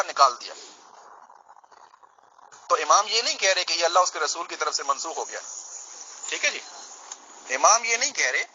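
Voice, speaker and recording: A man's voice: fairly high pitch, bright, forceful tone, lo-fi sound, a little hiss or hum. A man from Pakistan, explaining his case in a religious debate in a teaching manner and checking in with his listener.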